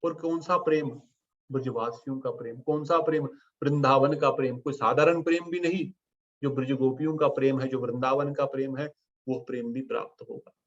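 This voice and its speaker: A man giving a devotional sermon, telling stories in an animated way and slipping English phrases into his talk. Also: mid-range voice, moderate pace. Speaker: preacher. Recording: dull lo-fi recording.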